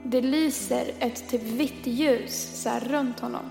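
A podcast co-host in her twenties tells a personal story casually and chattily, packing it with fillers and acted-out dialogue. Her voice is on the high side with fairly even intonation and vocal fry, and music plays in the background.

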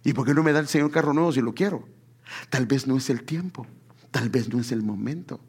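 A man preaching a sermon, speaking to the congregation as brothers and asking them rhetorical questions, drawing out key words slowly for emphasis. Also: medium pitch, husky. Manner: addresses listeners as brother, asks rhetorical questions.

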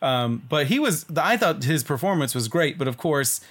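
A man co-hosting a podcast in casual chat, rambling and halting as he searches for words. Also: a little high, big pitch swings, fairly bright tone. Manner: rambling, halting, with many restarts and fillers. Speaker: podcast co-host.

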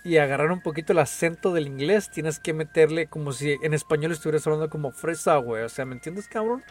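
A young Mexican man with a Mexican accent co-hosts a podcast, chatting casually in a fairly high voice and talking fast. His speech is full of slang and swearing, and he says "güey" constantly.

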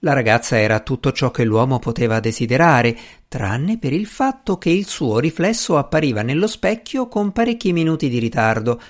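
A man reading an audiobook with an expressive, measured delivery. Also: medium pitch. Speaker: audiobook reader. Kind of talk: audiobook narration.

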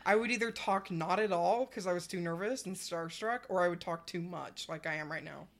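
A woman's voice: on the low side, a little fast. A woman co-hosting a podcast in casual chat, chatty with self-deprecating humor. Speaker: podcast co-host.

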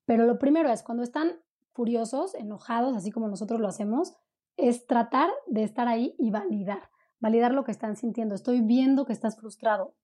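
A woman's voice: fairly high pitch, fairly quick. A woman, a parenting coach speaking conversationally, explaining and often adding "¿no?". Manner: warm explanatory, frequent "¿no?" tags. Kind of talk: conversational interview.

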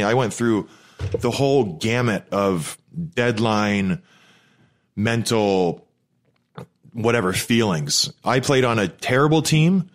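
Man, lower-pitched voice, broken-nose mouth breathing, casual podcast chat, rambling animated storyteller. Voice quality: mouth-breathing, blocked crushed nose from old breaks. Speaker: podcast co-host, former pro hockey player.

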